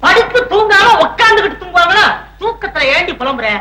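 An actor playing a gruff, joking father in a film scene. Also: extremely high pitch, lively intonation, quick pace, roomy sound. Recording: clear background noise.

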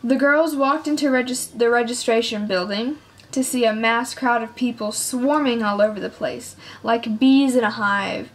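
Female author reading her own chapter, casual and lively, higher voice. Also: moderate pace, slight background noise. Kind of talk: storybook reading.

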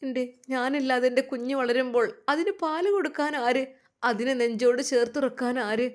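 Woman reads a tearful young wife with a Malabar Malayalam accent, soft pleading tone, storybook narration. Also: high-pitched, moderate pace, pitched above the performer's own voice, natural voice. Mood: sorrowful.

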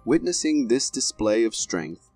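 Guy doing dramatic scripted video narration, kinda raspy, super dry sound w a bit of music behind. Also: medium pitch, sing-song, measured pace, darkish tone, dry recording. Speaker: narrator of a viral video compilation.

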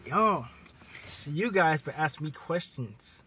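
Here the same eighteen-year-old vlogger chats casually in his car, teasing and joking with an easy attitude, phone camera at arm's length. The voice is fairly high, animated and bright, forceful yet measured in pace, and a little hiss or hum sits under it.

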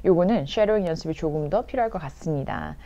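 A young Korean woman teaching English, explaining in Korean and reading English examples slowly and clearly for learners to repeat. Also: deep voice, lively intonation, mellow, lo-fi sound. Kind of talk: online English lesson.

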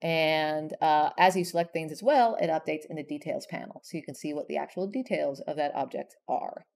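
This is a woman teaching software at her computer, her voice sitting a little low. She explains as she clicks, casual and conversational, with plenty of fillers and quick self-corrections. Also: creaky. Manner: chatty, relaxed, many ums and self-corrections. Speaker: software tutorial presenter. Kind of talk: casual screen-share tutorial.

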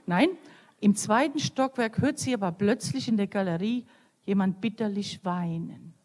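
A woman in her fifties from Croatia, a nun giving a lively storytelling sermon at a youth meeting. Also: mid-range voice, moderate pace. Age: 50s. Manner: storytelling, acting out quoted voices. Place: large venue at a youth meeting. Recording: long reverb of a hall.

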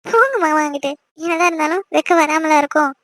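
A woman's voice: sits high, fairly even intonation, quick pace, no room sound, lightly acted. A woman voicing a shy, playful young newlywed wife who speaks coyly and affectionately. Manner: coy, affectionate, sweetly protesting. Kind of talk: cartoon voice acting.

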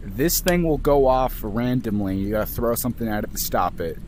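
Playing a horror game for a casual let's-play, a YouTuber talks at normal speed in an animated, mid-range voice with a darkish tone, cursing frequently, startling with sudden jumps, and walking through how the mechanics work. A faint hiss or hum sits under the audio.

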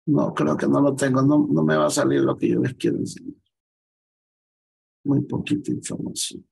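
A man teaching an office software class live, walking students through each step on screen and checking often that they follow along. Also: medium pitch, little pitch movement, brisk, gravelly, husky, rough recording. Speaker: computer skills teacher. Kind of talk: live online class, explaining screen steps.

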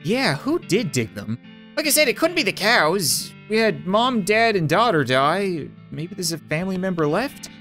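Animated man doing game commentary over guitar music. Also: high voice, moderate pace. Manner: theatrical, wry asides. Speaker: gaming video host. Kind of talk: game playthrough commentary, reading text aloud.

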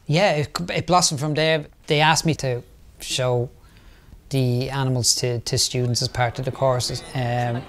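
A man in a documentary interview, telling his own story in a relaxed, amused way. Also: medium pitch, a little slow.

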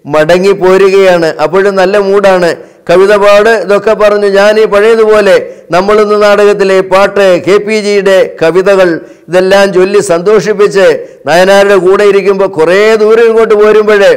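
A man's voice: high voice, smooth. An older man recounting personal memories as an interview guest, in a vivid, anecdotal way. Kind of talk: memoir storytelling.

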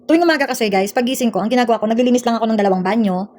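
A woman from the Philippines, a domestic worker telling her story in a casual vlog, aggrieved and talking fast. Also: a little high, darkish tone. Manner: rapid, aggrieved recounting. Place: employer's house indoors.

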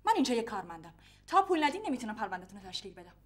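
An actress as a cold hospital clerk. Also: female voice, medium pitch, big pitch swings, lightly acted. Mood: dismissive. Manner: curt, dismissive. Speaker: hospital receptionist.

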